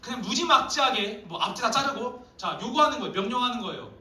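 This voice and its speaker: A man preaching a sermon to a youth group, lively and acting out quoted dialogue. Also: extremely high pitch, quick pace. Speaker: youth pastor. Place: church hall. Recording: echoey hall, voice from a distance.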